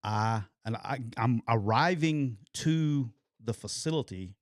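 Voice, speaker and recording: A man, telling a long, animated and profane story as a podcast co-host. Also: medium pitch, takes it slowly, no room sound, studio quality. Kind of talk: casual storytelling chat.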